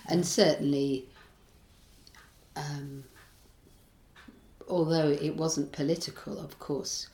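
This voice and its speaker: An older woman giving an oral history interview, speaking reflectively with many pauses, fillers and restarts. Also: low-pitched, steady tone, vocal fry, warm tone, echoey room, rough recording. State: tearful at times. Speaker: interviewee recalling a protest camp.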